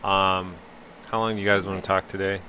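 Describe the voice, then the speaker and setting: A man's voice: low-pitched, little pitch movement, fairly quick, pushed and bright, clear, resonant tone. A man hosting a casual podcast, joking and teasing his guests in easy banter. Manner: joking, self-deprecating banter. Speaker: podcast host.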